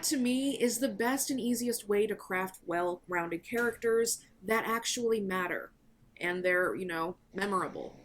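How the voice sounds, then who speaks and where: A woman's voice: mid-range voice, a little hiss or hum. A woman reading a scripted talk to camera in an earnest, advice-giving way. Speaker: author video creator.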